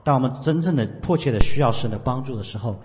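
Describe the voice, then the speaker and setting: Fast-talking man interpreting a sermon. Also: medium pitch, a little mellow, a little hiss or hum. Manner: rapid, with frequent "ah" fillers and restarts. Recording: echoey hall with long reverb.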